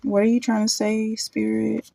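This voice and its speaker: A woman giving a casual pick-a-card tarot reading, thinking aloud with halting restarts and repeated words. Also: a little high, monotone, vocal fry, dark tone, no echo.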